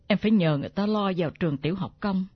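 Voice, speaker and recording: A woman's voice: mid-range voice, rapid-fire, slightly rough, no room sound, highs cut off, close to an everyday voice. A woman voicing a middle-aged mother who pleads earnestly, in a radio drama. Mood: sorrowful.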